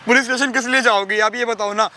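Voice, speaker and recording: A young man playing a fast, pleading nephew. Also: very high voice, steady tone, sharp tone, a little hiss or hum, exaggerated voice. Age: young adult. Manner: pleading, protesting, repeating himself. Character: young male student nephew, frightened and pleading. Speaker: actor in a short drama.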